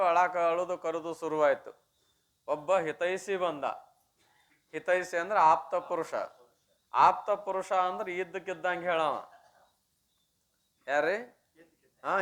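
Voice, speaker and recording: A man's voice: high voice, fairly bright tone. A man with a North Karnataka Kannada accent gives a spiritual discourse as a swami. He tells a story, acts out its dialogue, and keeps asking the audience questions that he then answers himself. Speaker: swami giving a religious discourse.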